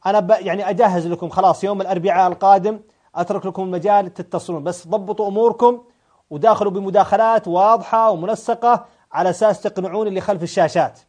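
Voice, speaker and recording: A man hosting a live call-in show, pressing callers with rapid questions. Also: sits high, fairly even intonation, a little mellow. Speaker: talk show host.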